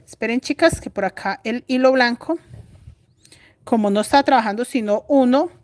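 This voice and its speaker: A woman's voice: fairly high pitch, moderate pace, darkish tone. A middle-aged Colombian woman teaching crochet on a live stream, chatty and confiding, thinking aloud as she stitches. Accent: Colombian Spanish. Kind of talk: live-stream craft tutorial.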